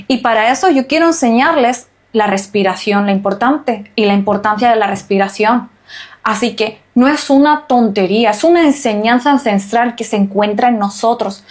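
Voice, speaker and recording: A woman's voice: on the high side, normal speed. A woman hosting a spiritual podcast, speaking earnestly and urging listeners with emphatic repeated phrases. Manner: earnest, emphatic, repetitive exhortations. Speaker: podcast host and holistic nutritionist.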